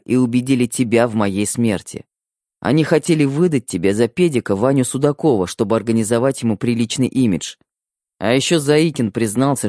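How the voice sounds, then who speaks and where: A man's voice: mid-range voice, a little mellow, no echo, studio quality, lightly acted. A man voicing a tough, blunt husband in an audiobook, speaking in coarse, plain words. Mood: angry. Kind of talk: audiobook character voice.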